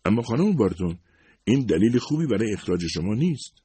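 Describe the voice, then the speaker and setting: A man's voice: on the low side, big pitch swings, mellow, husky, dry recording, pitched above the performer's own voice. A man voicing a curious, earnest young woman who asks polite, probing questions.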